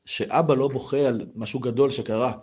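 A man, giving an informal Torah talk full of personal stories and rising to loud, animated bursts. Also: mid-range voice, noisy background. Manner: animated storytelling, voice swells when excited. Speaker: religious lecturer.

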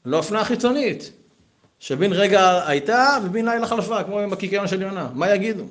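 A man in his thirties gives a Torah lesson with a voice pitched a little above most men's. He talks conversationally and animatedly, breaking into lively personal asides between passages of the text. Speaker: yeshiva teacher.

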